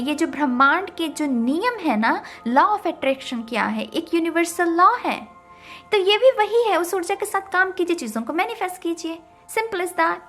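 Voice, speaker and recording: A woman's voice: sits high, a bit bright. A woman who reads tarot, talking to her viewers about spiritual ideas, emphatic and full of rhetorical questions, mixing English words into her speech. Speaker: tarot reader.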